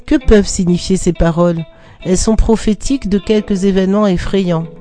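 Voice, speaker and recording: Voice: medium pitch, fairly even intonation, a little fast, mellow, close to an everyday voice. A reader voicing an anxious, troubled man in a storybook reading, with faint guitar behind.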